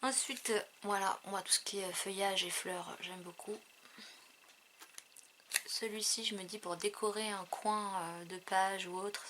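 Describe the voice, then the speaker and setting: Woman vlogger, middle pitch, halting casual chat, crinkling noise behind. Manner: hesitant, many fillers, trailing off. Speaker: craft haul vlogger. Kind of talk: casual chat showing purchases.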